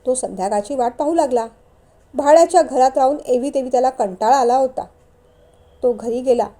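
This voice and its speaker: A woman narrates an emotional family story in a calm, measured way. Her voice is high-pitched but mellow and dark in tone. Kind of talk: story reading.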